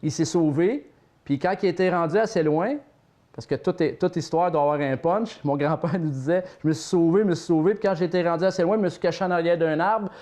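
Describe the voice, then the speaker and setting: A man speaking with a Québécois accent shares family tales as a guest in a relaxed interview. His voice sits a little high, and his delivery is lively and anecdotal, with a playful storyteller's touch. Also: a little fast. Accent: Québécois French. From Saint-Tite, Mauricie, Quebec.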